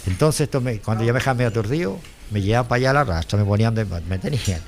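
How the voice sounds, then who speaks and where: A man's voice: fairly low pitch, lively intonation, rapid-fire, crowd noise. An older man with a Chilean accent giving a rambling personal testimony, often repeating himself and quoting what others said. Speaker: interviewee, former driver.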